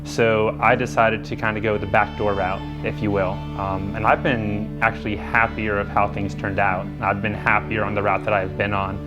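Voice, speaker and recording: This young nursing student gives a documentary interview, sounding earnest and thoughtful while leaning heavily on fillers. He has a fairly low, flat voice, talks at an ordinary pace, and barely pauses. Music plays under his speech.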